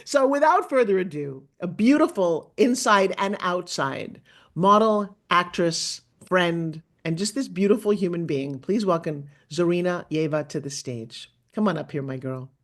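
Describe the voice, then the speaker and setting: A woman's voice: on the low side, animated, measured pace. A middle-aged woman hosting a stage interview, upbeat as she introduces her guest and asks questions. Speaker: host.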